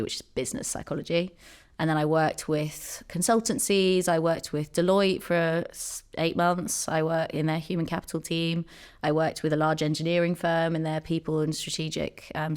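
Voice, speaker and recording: Low smooth-voiced woman, chatty guest. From Jersey, Channel Islands. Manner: chatty, many ums and likes. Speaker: podcast guest, company co-founder. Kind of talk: casual interview chat.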